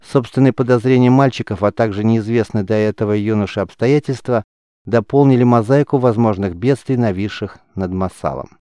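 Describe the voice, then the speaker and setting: A man narrating a fantasy audiobook in an even storytelling manner. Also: fairly low pitch, brisk, smooth, no echo, clean studio sound. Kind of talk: scripted narration.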